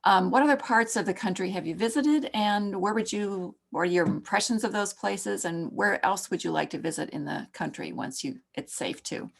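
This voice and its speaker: A woman asking interview questions in a measured, polite way over a video call. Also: medium pitch, creaky.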